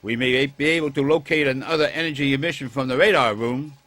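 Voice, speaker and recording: A man's voice: medium pitch, quick pace, fairly bright tone, no room sound, close to an everyday voice. A man playing an earnest, wooden scientist in a video game, with stilted, amateurish bad acting.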